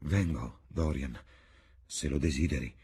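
A man's voice: very deep voice, a little slow, warm tone, breathy edge, heavily acted. A man reading the part of a troubled painter confronting his friend in an audiobook, earnest and pleading. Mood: weary. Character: grave, troubled painter, older male friend.

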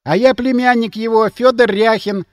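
A man's voice: very high-pitched, fairly even intonation, moderate pace, no room sound, studio quality, voice pushed up. A man voicing a cheeky young village lad who haggles in a whiny, pushy way. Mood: pushy haggling.

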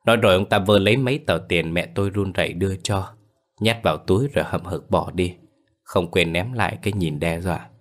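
A man narrating a ghost story in a somber, measured way. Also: low-pitched.

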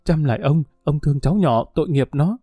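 A man's voice: medium pitch, fast talker, dark tone, no room sound, studio quality, close to an everyday voice. A man doing a pleading desperate mother. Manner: pleading, tearful. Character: desperate young mother begging for her child.

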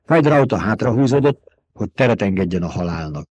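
A man reading an audiobook in measured, even storytelling narration. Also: on the low side, slightly rough, no echo. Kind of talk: scripted narration.

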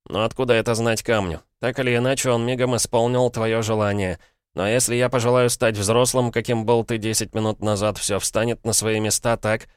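A man voicing a calm, dryly mocking schoolboy in an audiobook. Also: on the low side, fairly quick, clean tone, no echo, clean studio sound, voice pushed up, natural voice. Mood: cool. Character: cool, cheeky schoolboy son. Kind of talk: audiobook character reading.

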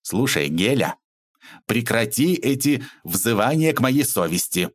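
A man voicing an irritable middle-aged shop owner who snaps and shouts when pushed. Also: mid-range voice, big pitch swings, measured pace. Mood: weary. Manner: exasperated, shouting.

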